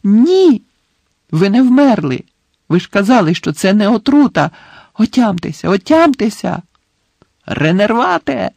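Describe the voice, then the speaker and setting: A man voicing a frantic teenage boy wizard who shouts in desperate urgency. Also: high voice, very animated, unhurried, creaky, long pauses, dry recording, voice pushed up, exaggerated voice.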